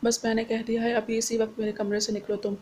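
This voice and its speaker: Storybook wife, sulky and quarrelsome, scolding in a flat narrow tone, read by a woman. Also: a little high, fast, slight background noise, natural voice. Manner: scolding, whiny complaints.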